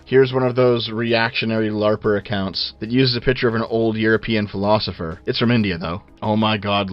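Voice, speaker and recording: Blunt and sardonic, a man delivers casual video commentary laced with swearing. The audio is poor, with a low sample rate and the highs cut off.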